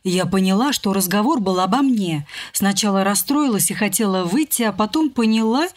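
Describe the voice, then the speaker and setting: A woman reading a first-person novel aloud as an audiobook narrator, shifting her pitch and pace to voice the characters. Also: lively intonation, moderate pace.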